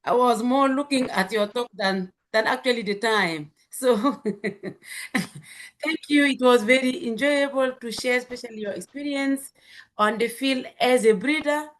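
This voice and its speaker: A woman's voice: on the high side, measured pace. A woman with a French accent facilitating an online webinar over a video call, chatty and laughing often.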